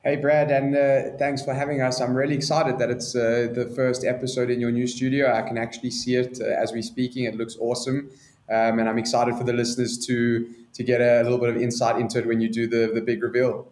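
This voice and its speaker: A man from South Africa with a South African accent, answering interview questions in a measured, businesslike way. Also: medium pitch, level tone, darkish tone, echoey room. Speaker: guest, business expert.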